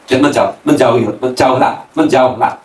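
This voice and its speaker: Animated cleric speaking from afar. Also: male voice, medium pitch, normal speed. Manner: animated, mixes Javanese slang, laughs often. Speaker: Islamic cleric. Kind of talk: casual religious talk. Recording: roomy, from a distance, faint noise.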